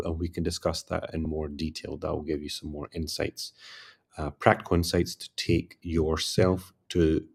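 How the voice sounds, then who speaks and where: Low-voiced guy winding down a long livestream, tired and yawny, rambling along, keeps asking folks to like the stream. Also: vocal fry, breathy edge. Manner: relaxed, rambling, repeats calls to like and subscribe. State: tired, yawning. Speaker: career coach livestreaming. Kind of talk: casual livestream chat.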